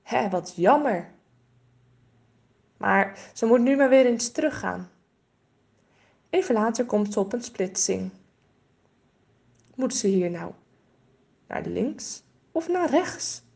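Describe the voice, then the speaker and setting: A woman reading a children's storybook aloud in a gentle, expressive way. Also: on the high side, slow pace, gravelly, long pauses.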